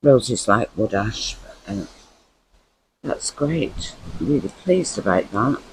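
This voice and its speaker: A man's voice: medium pitch, lively intonation, takes it slowly, noisy background. A man chatting casually as a gardening vlogger, rambling and repeating words for emphasis.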